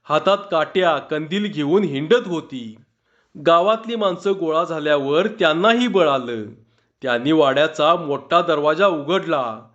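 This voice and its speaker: A man reading a humorous short story aloud in a slow, measured storytelling manner. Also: a little high, fairly bright tone. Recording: dull lo-fi recording.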